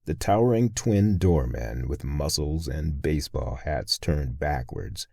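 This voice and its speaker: A man's voice: a bass voice, gravelly, mellow, breathy edge, no echo, clean studio sound. A man narrating a first-person horror story in a brooding, menacing way.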